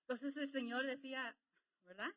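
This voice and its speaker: A woman's voice: high-pitched, steady tone, moderate pace, a bit bright, low-quality recording. A woman preaching a sermon in Latin American Spanish, conversational and emotional, with rising emphasis.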